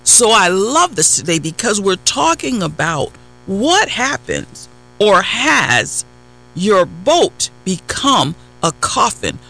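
A man's voice: high-pitched, sing-song, takes it slowly, creaky, bright, forceful tone, faint music behind, rough recording. A man preaching a sermon, reading scripture verses and then retelling them in plain words with repeated phrases.

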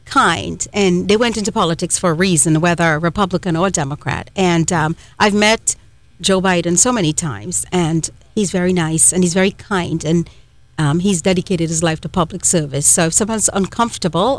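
A middle-aged woman with a Trinidadian accent, from Trinidad, co-hosts a radio talk show in relaxed conversation, her warm, rambling stories full of fillers and fresh starts. Her voice is lowish and her pace moderate.

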